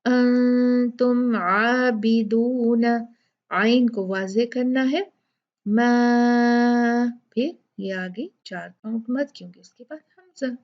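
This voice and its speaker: A woman's voice: on the high side, measured pace, dull audio. A woman teaching Quran recitation rules, explaining each point patiently and repeating examples. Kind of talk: tajweed lesson.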